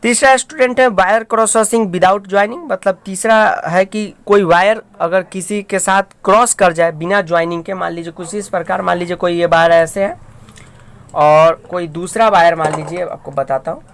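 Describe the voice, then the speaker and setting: A man's voice: sits high, fairly even intonation, normal speed, fairly bright tone. A man teaching a school science lesson, explaining step by step and often calling out to his students while he draws diagrams. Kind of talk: classroom science lecture.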